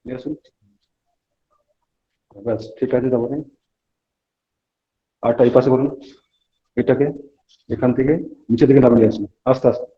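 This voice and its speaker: A man's voice: mid-range voice, little pitch movement, normal speed, pauses often. A man teaching a clinical examination at a hospital bedside, explaining tests to students and giving instructions to a patient. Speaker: medical lecturer. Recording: dull lo-fi recording.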